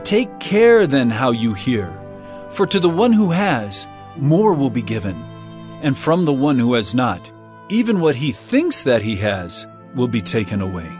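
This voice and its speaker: An actor playing Jesus as an earnest, authoritative teacher in a dramatized audio Bible, speaking deliberately and solemnly. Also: male voice, medium pitch, very animated, darkish tone, soft background music. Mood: earnest teaching.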